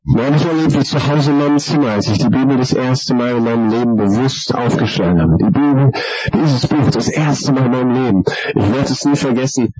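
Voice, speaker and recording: A man preaching his personal testimony, earnest and emphatic, stretching some phrases out slowly. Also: medium pitch. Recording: dull lo-fi recording with crowd behind.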